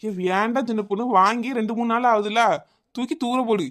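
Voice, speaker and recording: Someone doing a grumpy cartoon husband guy, bright edgy voice, kanyakumari tamil accent, blunt and snarky. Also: mid-range voice, fairly even intonation, fairly quick, natural voice. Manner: blunt, sarcastic. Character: grumpy office-going husband, adult man. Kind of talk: cartoon comedy dialogue.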